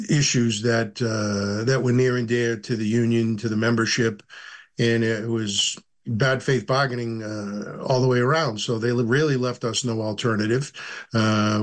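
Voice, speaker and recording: A middle-aged or older man giving unscripted interview answers as a guest, with halting, deliberate phrasing. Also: medium pitch. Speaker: union director, interview guest.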